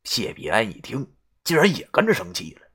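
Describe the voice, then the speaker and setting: A man narrating a story in an animated, wry way, with crude asides. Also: lowish voice, fairly quick, breathy edge.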